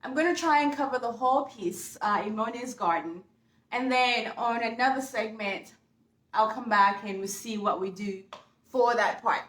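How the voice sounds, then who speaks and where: In a reverberant recording from a camera mic with a little hiss or hum, a young Ugandan furniture painting vlogger talks cheerfully to viewers as she works at home. Her voice is a little high and a bit bright, at a normal speed.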